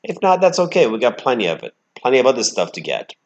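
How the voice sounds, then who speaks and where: Guy hosting a trading channel, talking over his trades live, cocky and pushy, mid-pitch voice. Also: wildly swooping pitch, fast, muffled recording. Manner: brash, emphatic, swings between loud and muttered asides. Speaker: stock trading channel host.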